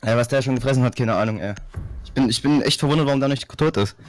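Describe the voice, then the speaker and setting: A man's voice: medium pitch, quick pace. A man chatting casually as a teammate in a game's voice chat, rambling with false starts. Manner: relaxed, rambling with restarts.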